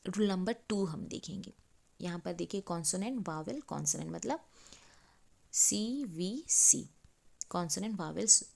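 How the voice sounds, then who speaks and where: A woman's voice: fairly low pitch, fairly quick, gravelly, darkish tone. A woman teaching grammar in Hindi, explaining step by step with rhetorical questions.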